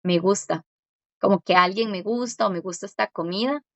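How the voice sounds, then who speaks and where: A woman's voice: mid-range voice, a bit bright, no echo. Female tutor, patient explainer, dull dry recording. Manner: patient, explains step by step and repeats words slowly. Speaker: Korean language teacher. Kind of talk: one-on-one language lesson.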